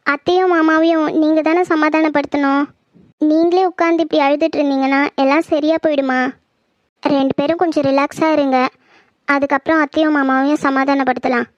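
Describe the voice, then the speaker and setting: A woman voicing a calm young relative who reassures two grieving cousins in a cartoon. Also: high-pitched, fairly quick, dry recording, lo-fi sound, natural voice. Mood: reassuring.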